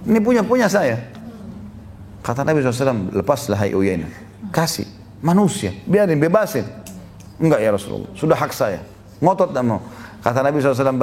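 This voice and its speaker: A man's voice: fairly high pitch, slight background noise. A male preacher giving a storytelling sermon, acting out the people in his story and chuckling now and then. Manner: lively storyteller who voices quoted speakers, chuckles.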